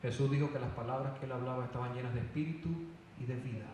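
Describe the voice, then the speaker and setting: A man preaching a fervent sermon with loud emphatic calls. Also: mid-range voice, fairly even intonation, quick pace, slight background noise. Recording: echoey hall, voice from far off.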